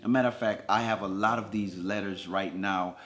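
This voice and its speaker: A man's voice: on the low side, fairly even intonation, a little fast, a bit bright. A middle-aged man from Jamaica co-hosting with his wife, telling their story in casual chat with an earnest, storytelling manner. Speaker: co-host, husband.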